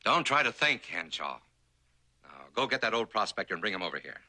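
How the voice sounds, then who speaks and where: A man's voice: on the low side, big pitch swings, brisk, bright, forceful tone, exaggerated voice. An actor playing a greedy, domineering male boss in a TV western, curt, scornful and commanding. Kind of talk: TV western drama acting.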